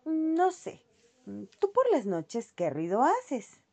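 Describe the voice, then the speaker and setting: Woman squeaking as a vain little girl mouse. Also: wildly swooping pitch, mellow, exaggerated voice. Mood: hesitant. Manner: high squealing voice, drawn-out worried hesitations. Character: vain little female mouse, fussy and easily scared.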